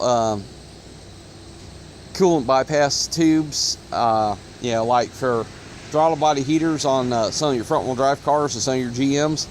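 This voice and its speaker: A man's voice: mid-range voice, darkish tone, slight background noise. Rambling man on a phone. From Ohio, USA. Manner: rambling, many fillers and self-corrections. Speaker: auto parts video host. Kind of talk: casual rambling explanation to camera. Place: outdoors in sunlight. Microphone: phone recording.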